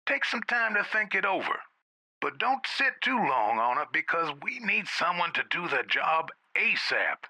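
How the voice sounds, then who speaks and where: A man plays a folksy company director with a drawl, leaving a voicemail that comes through a landline phone. The voice is very bright and lively in pitch, and it sounds dry and close. He talks in an unhurried, friendly way. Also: no room sound, exaggerated voice. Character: folksy male land-company director leaving a job offer. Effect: voicemail message heard over a landline phone.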